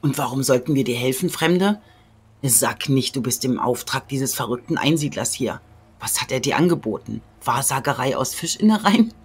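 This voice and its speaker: Eine Frau liest einen abweisenden Räuberanführer vor. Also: female voice, a bass voice, animated, moderate pace, slightly rough, heavily acted. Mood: dismissive. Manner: plainly reading out game dialogue. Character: surly male bandit leader, dismissive. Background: game music.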